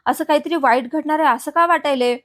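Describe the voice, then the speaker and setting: A woman's voice: high voice, quick pace, a bit bright. A woman voicing a blind young woman who teaches physics, plain and matter-of-fact.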